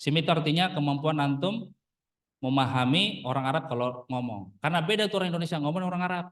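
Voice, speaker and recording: Recorded from a distance, this fairly high-pitched man in his thirties is an ustadz teaching Arabic in a relaxed religious lesson. He addresses the audience as brothers while throwing rhetorical questions at them.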